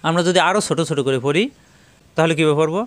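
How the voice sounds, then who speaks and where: A man teaching Quran recitation, spelling out each letter and vowel step by step, then chanting the verses slowly. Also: a little high, fairly even intonation, smooth, dry recording. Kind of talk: tajweed lesson with chanted recitation.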